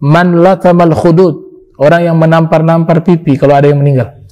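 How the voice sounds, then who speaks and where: A male preacher delivering a sermon in a patient, explanatory way, repeating his points and slowing down for Arabic quotations. His voice sits a little high yet sounds mellow and dark. It carries a long reverb, as if from a big hall. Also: little pitch movement, highs cut off.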